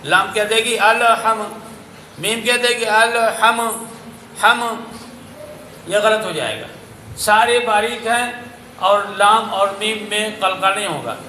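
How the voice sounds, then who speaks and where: A man with a Pakistani Urdu accent teaching Quran recitation in a madrasa class, drilling single syllables and chanting verses slowly. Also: sits high, bright, forceful tone, reverberant, a little hiss or hum, poor audio. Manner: corrects pronunciation by repeating syllables, then chants verses slowly.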